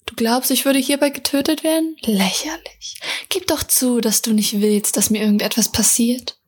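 Woman reading as a cocky assassin, dry, mocking, breathy, storybook fantasy. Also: on the high side, normal speed. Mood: teasing. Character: cocky male assassin, calm and teasing.

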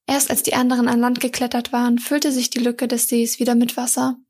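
A woman reads a fantasy story aloud in a fairly high, breathy voice. Her delivery is calm and even, keeping a flat, steady melody from line to line. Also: fairly quick. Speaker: audiobook reader.

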